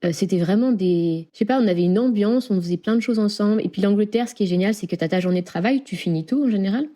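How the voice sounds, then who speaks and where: A woman's voice: medium pitch, quick pace, dark tone. A young woman from near Lyon, chatting as an interview guest, with many fillers and frequent laughs. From France. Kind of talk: casual interview chat.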